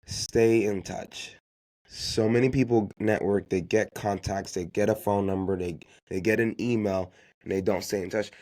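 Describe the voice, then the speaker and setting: This podcast host, whose first language is Haitian Creole, speaks in a fairly low, warm and steady voice at a normal speed. He gives unscripted motivational talk about networking and business, emphatically repeating his main phrases and firing off rhetorical questions to make his points land.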